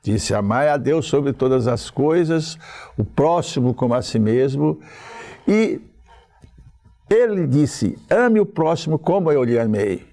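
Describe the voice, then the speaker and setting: An older man giving a spoken lecture, slow and deliberate, pausing often between phrases. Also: on the high side, expressive, dark tone.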